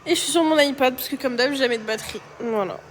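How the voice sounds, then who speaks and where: A woman with a high voice chats casually and cosily with her followers. She talks from home, and a faint hiss sits behind her voice. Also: fast talker. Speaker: vlogger. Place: at home indoors.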